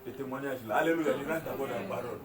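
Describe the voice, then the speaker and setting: A man preaching a sermon as pastor, animated, with call-and-response and laughing asides. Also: mid-range voice, very fast, crowd noise. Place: large church hall. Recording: echoey church hall, far from mic, congregation. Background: congregation responding.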